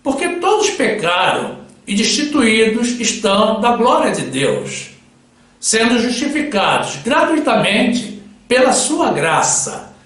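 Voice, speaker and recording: A man's voice: sits high, fairly bright tone. A male preacher delivering a solemn sermon with Bible readings, addressing his listeners as brothers. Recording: very echoey room.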